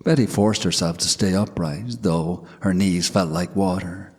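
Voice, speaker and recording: A man narrating a scripted ghost story in a measured, hushed way. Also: deep voice, husky. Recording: long hall reverb.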